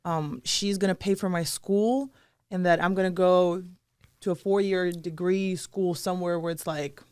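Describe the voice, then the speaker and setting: A woman's voice: on the low side, steady tone, normal speed, darkish tone, clear, resonant tone, dry recording. A young woman from Russia with a Russian accent and a touch of British English, telling her story as a podcast guest in a chatty way, full of fillers. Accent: Russian, with some British English. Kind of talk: casual interview chat.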